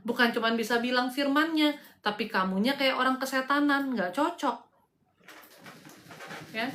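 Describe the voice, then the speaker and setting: A woman's voice: fairly high pitch, a bit bright, echoey room. A woman hosting a live spiritual advice talk, exhorting her listeners directly in a casual, slangy way. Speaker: host and spiritual counselor.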